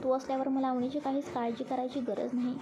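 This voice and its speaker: A woman's voice: high-pitched, flat delivery, quick pace, noisy background, lightly acted. A woman voicing a friendly young man talking casually on a phone call in a storybook reading.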